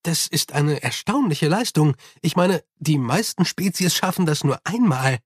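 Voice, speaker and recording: An earnest young monk asks his questions with a slightly raised voice, as a man plays him. The tone is husky and close. The storybook sound is dry. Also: on the high side, animated, a little slow, no echo. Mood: uneasy.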